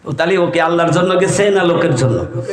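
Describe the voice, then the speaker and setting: A man's voice: a little high, a little fast. A man preaching a sermon to a crowd in rural spoken style, chanting verses and prompting the listeners to respond. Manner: calls on the crowd to answer and shout along; rural spoken Bengali with vivid storytelling. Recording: echoey hall.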